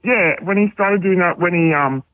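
A woman's voice: on the low side, normal speed, dry recording. A woman calling in to a radio show, her voice run through a voice changer to hide who she is; she sounds subdued and hesitant, with many ums. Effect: voice changer disguising the voice. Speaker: anonymous caller. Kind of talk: casual radio call-in chat. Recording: tinny phone line.

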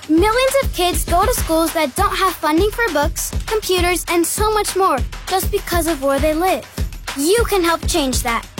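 A woman narrating a scripted charity advert. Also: extremely high pitch. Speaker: commercial narrator.

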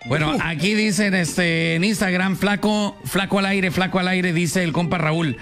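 A Mexican man hosting a comedy radio show in a studio, with a high voice. He jokes around lively and reads out listener messages. Faint music plays behind him. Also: moderate pace. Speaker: radio host.

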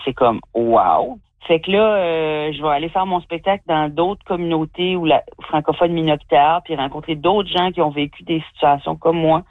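Her voice is low and the recording dry, though it comes through a tinny, phone-like line. She's a comedian from New Brunswick, Canada, giving interview answers in a gushing, filler-heavy way.

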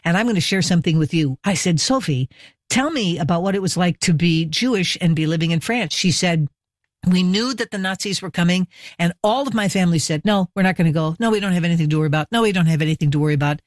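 A woman's voice: fairly low pitch, quick pace, dry recording, studio quality. A woman with a Mid-Atlantic American accent hosting a talk radio interview, telling stories in an emphatic, dramatic way. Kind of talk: conversational radio interview and storytelling.

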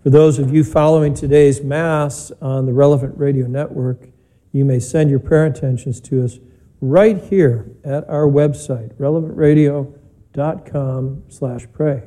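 Male priest at a pulpit microphone, mellow and warm, measured, plain-spoken. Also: medium pitch, steady tone. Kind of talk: homily and spoken Mass prayers. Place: church during a broadcast Mass.

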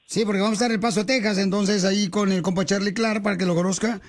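A man's voice: high voice, steady tone, fast. A man hosting a radio call-in show, teasing his callers and calling them by playful nicknames. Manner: teasing, affectionate nicknames, jokey.

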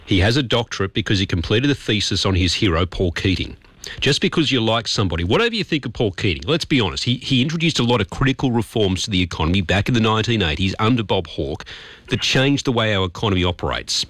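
A man's voice: lowish voice, lively intonation, fast, fairly bright tone, dry recording. An Australian man hosting talkback radio, giving assertive commentary and reading news.

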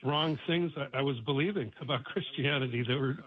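A man's voice: medium pitch, brisk. A man in his seventies calling in to a radio show over the phone, friendly and chuckling, with hesitant fillers. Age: 70s. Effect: calling in over a phone line. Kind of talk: casual call-in chat. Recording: tinny phone line.

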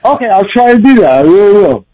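A man's voice: sits high, sing-song, fast, no room sound. A man calling into a talk show, speaking earnestly and simply, his audio overmodulated and distorting. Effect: overmodulated, clipping distorted phone audio. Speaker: regular caller. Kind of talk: casual call-in chat. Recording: distorted phone line.

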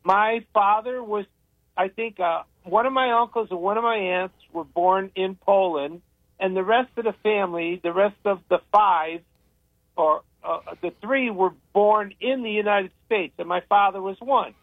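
Older male radio host, high-pitched voice, opinionated rambler, thin phone-line sound. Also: unhurried, no room sound. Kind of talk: casual radio talk.

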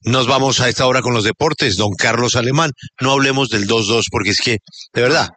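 Bright-toned male radio anchor. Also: medium pitch, brisk, no echo. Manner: conversational, hands over to reporters. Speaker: news anchor.

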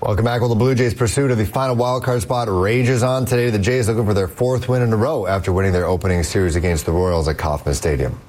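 Man, news anchor, very deep voice, live breaking-news read. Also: steady tone, fast talker, few pauses, a little mellow.

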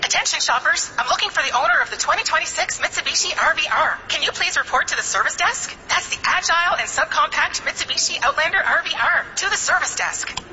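An actress in a radio ad playing a store announcer, making a supermarket loudspeaker announcement in a polite, brisk tone. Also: female voice, high voice, lively intonation, over music. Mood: announcing. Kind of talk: scripted radio ad. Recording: dull radio broadcast audio, faint background noise.

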